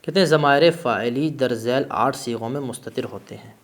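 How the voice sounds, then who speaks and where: A male teacher giving a classroom grammar lesson, asking questions and answering them himself. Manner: stresses terms with rising pitch.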